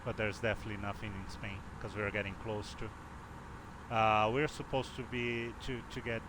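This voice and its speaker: Hesitant man commenting over steady noise. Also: on the low side, normal speed. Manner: hesitant, trailing phrases. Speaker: flight simulator streamer. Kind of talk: casual, unscripted commentary.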